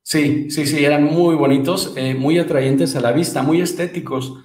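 A man's voice: a little high, steady tone, normal speed, a little mellow, reverberant, low-quality recording. A man in his thirties, from Mexico, chatting as a podcast guest and often repeating words as he starts a thought. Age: 30s. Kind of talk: casual interview chat.

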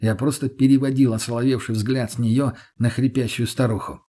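A man narrating a first-person story audiobook in a measured, steady reading voice. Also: mid-range voice.

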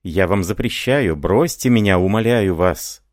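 Frightened young woman, read by a man, soft trembling pleas, dry close sound. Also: sits low, expressive, measured pace, dry recording.

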